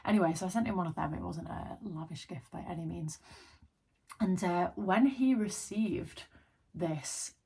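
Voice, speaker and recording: A woman's voice: on the low side, moderate pace, creaky, warm tone, breathy edge. A hungover woman content creator chatting casually to camera, telling a personal story in an informal, rambling, self-deprecating way.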